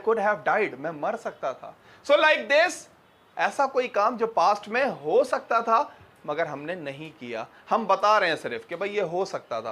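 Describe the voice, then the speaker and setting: A man with a high voice teaching grammar in a classroom full of students. He quizzes the class and repeats his examples. He teases the students in a joking way. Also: fairly bright tone. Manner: joking, teasing. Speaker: English teacher.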